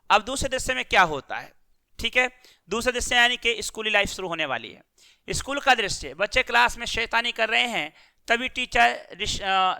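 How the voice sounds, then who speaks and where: Guy teacher reading a play to kids, names who talks then explains it, high bright clear voice. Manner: reads each character's name before their line, then restates it in plain words.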